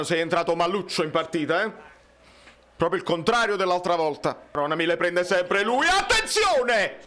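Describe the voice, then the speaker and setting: A man with a Neapolitan accent hosts a live fan reaction to a match. His voice sits very high and sounds sharp and bright. He gets excitable, shouts and repeats words over and over. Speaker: fan channel host.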